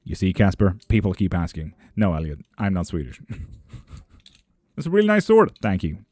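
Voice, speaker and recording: Reading tarot on a casual stream, a young man reads out viewer messages and replies in a joking, loose manner full of swearing, as a witchcraft streamer. His low, slightly mellow voice swoops wildly in pitch at a normal speed. The sound is studio quality, with no room sound.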